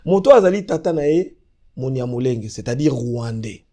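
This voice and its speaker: A Congolese man's warm, medium-pitched voice comes across animated at normal speed as he explains a law on a political talk show. He speaks French with a Congolese accent mixed with Lingala, is emphatic, and repeats fillers when he's looking for words.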